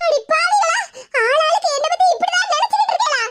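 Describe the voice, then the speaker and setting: A woman voicing a complaining, indignant older village woman in a cartoon, in a high, squeaky voice. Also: animated, fairly quick. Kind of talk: cartoon voice acting.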